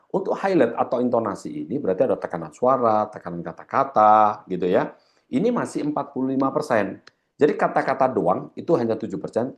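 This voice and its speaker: A man giving a training seminar lecture as a corporate trainer, often addressing his audience and repeating key points, his voice slightly heavy from a cough. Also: medium pitch.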